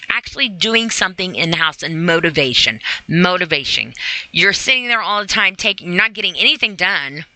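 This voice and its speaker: Reading out a self-help list, this podcast host mixes in casual commentary, speaking bluntly, repeating phrases for emphasis and firing rhetorical questions directly at the audience. The mid-range voice is bright and forceful. There's no room sound, though the recording quality is low.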